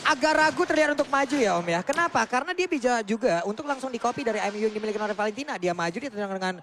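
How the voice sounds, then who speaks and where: A man's voice: very high-pitched, expressive, rapid-fire, noisy background. A male esports commentator giving match analysis in a conversational, bantering style.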